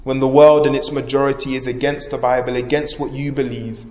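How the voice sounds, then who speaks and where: A man preaching a sermon fervently, rising to loud proclamation and dropping to hushed emphasis. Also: mid-range voice, flat delivery, brisk. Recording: echoey hall with long reverb.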